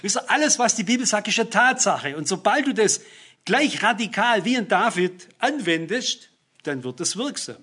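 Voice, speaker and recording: A man's voice: sits high, big pitch swings, normal speed, sharp tone, husky. A man preaching a sermon, reading Bible verses aloud and explaining them earnestly and emphatically.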